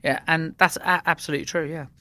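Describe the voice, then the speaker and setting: Bright-voiced man telling earnest anecdotes. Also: a little high, fairly even intonation, quick pace, no echo. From Iran, raised in England. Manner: earnest, anecdotal, with frequent restarts. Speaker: guest. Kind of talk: interview conversation.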